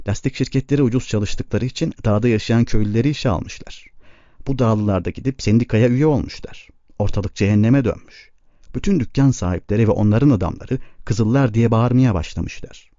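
Man reading brooding bearded old man, low wry tone, lo-fi. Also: dark tone, no echo, close to an everyday voice. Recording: dull lo-fi recording.

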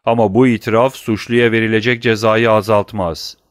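A man's voice: fairly low pitch, little pitch movement, moderate pace, smooth, no echo, clean studio sound, natural voice. A man voicing a stern middle-aged male prosecutor in an audiobook, accusing in a cold, cutting manner. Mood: scornful. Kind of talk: audiobook reading.

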